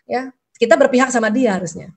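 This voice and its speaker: A middle-aged woman lectures on parenting in a fairly high voice. She keeps asking her audience questions, tags her points with a quick "ya", and slips into short acted-out lines of parents and children. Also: gravelly, breathy edge. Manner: rhetorical questions, frequent "ya". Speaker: parenting seminar speaker.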